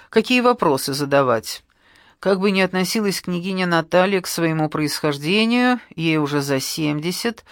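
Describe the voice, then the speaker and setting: An audiobook narrator reading a novel in a calm, measured way. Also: medium pitch, gravelly, no room sound, studio quality. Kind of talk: scripted narration.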